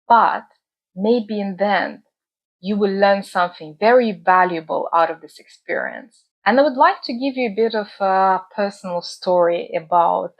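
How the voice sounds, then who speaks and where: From her home in the UK, a Russian woman with a mid-range voice talks earnestly and thoughtfully to the viewers of her book channel. The piece is a reflective address to camera, delivered in a measured way with many "uh" pauses, and the audio is dull.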